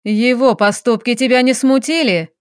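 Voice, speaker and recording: A woman voicing a bitter, mocking estranged husband who spits out his words slowly. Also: a little high, clean tone, no echo, lightly acted.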